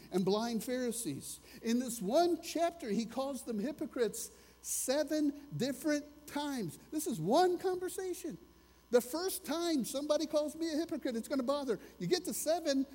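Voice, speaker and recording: A man's voice: very high-pitched, darkish tone, long reverb tail. A man preaching a sermon as a pastor, earnest and conversational, asking his listeners questions as he goes.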